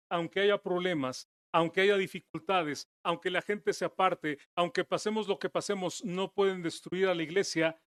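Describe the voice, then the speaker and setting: A man preaching a sermon as pastor, earnest, dropping his voice low and soft and then rising to emphatic declarations. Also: no room sound, studio quality. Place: church.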